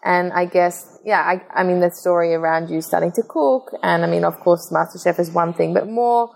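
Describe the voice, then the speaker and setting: Chatty woman podcast host, gravelly. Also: lowish voice, steady tone, moderate pace, a little mellow. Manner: chatty and upbeat, with fillers. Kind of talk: casual podcast hosting and interviewing.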